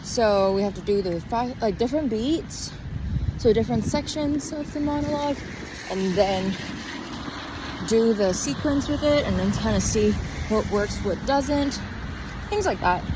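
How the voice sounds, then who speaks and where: Traffic and urban background sounds fill this noisy outdoor recording as a young woman strolls through a town. The podcaster sounds tired, speaking slowly and haltingly in a casual diary ramble and drifting off mid-sentence, with a voice that leans high.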